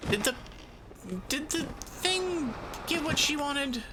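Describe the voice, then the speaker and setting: Bubbly, high-pitched cute streamer woman. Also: expressive, slow, over music. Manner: playful, chatty, thinking aloud. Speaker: video game live streamer. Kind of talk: casual live stream chat and game commentary.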